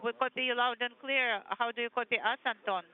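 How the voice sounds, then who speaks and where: A man's voice: very high voice, fairly even intonation, fairly quick. A man relaying clipped procedural calls over a crackly space-to-ground radio link. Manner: clipped procedural call-and-response. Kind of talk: mission control radio exchange. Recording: narrow tinny radio line.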